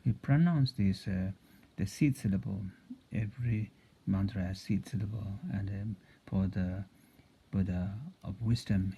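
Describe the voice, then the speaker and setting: A man, a Buddhist teacher who chants mantras slowly and gives a soft-spoken talk. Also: low voice, breathy edge. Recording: dull lo-fi sound.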